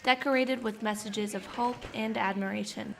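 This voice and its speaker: A young woman reporter reading scripted news narration in a measured, even cadence. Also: mid-range voice, vocal fry, noisy background. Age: young adult. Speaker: student reporter.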